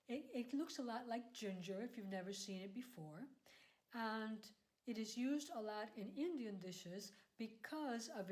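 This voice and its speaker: A woman talks casually to her viewers in a home vlog. She rambles, restarts her sentences and corrects herself. Her voice sits at an ordinary middle pitch. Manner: chatty, rambling with self-corrections. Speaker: craft podcast host.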